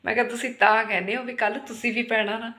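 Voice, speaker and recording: A chatty woman with a Punjabi accent talks through her day for a family vlog, teasing and laughing as she goes. Her voice sits a little high and sounds bright and forward. The room around her gives it a noticeable echo. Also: little pitch movement, very fast. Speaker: vlogger. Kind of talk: casual home vlog chat.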